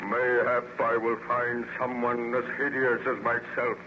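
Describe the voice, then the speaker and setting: An actor playing a vengeful, contemptuous man-made monster in an old-time radio horror serial, declaiming slowly and grandly. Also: mid-range voice, monotone, highs cut off, lightly acted. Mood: menacing, bitter. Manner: slow, menacing, grandiose archaic declamation. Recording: noisy, band-limited old radio recording.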